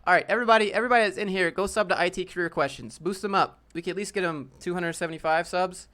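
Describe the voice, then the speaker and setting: A man's voice: sits high, racing, bright, forceful tone. A man in his late twenties with a youthful-sounding voice, hosting a laid-back, joking live Q&A and reading viewer questions aloud. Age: 20s. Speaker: live-stream host. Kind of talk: casual live-stream Q&A.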